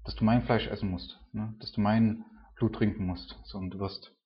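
A low-pitched man gives a relaxed, chatty sermon, peppering his talk with little tag words. The recording is muffled and lo-fi, with dulled highs. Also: normal speed. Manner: casual, filler-heavy, with frequent "ne" and "so". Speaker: preacher. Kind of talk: informal sermon. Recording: dull lo-fi sound.

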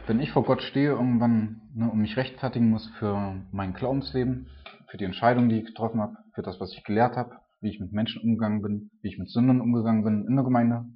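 A low-pitched man gives a relaxed, chatty sermon, peppering his talk with little tag words. The recording is muffled and lo-fi, with dulled highs. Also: fast talker. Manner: casual, filler-heavy, with frequent "ne" and "so". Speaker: preacher. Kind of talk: informal sermon. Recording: dull lo-fi sound.

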